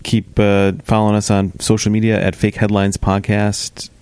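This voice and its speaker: A man co-host jokes bluntly and drops the odd curse. His voice is fairly low with a gravelly edge, and it is recorded dry and close to the mic. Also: completely flat delivery, moderate pace, darkish tone, dry recording. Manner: joking, blunt, swears casually. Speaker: comedy podcast co-host. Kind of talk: casual comedic banter.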